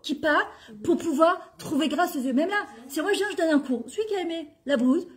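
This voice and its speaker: A middle-aged woman who weaves into her talk. She tells personal stories in a lively way and acts out the dialogue. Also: very high-pitched, brisk. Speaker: guest speaker on women's talk show. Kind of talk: animated personal storytelling.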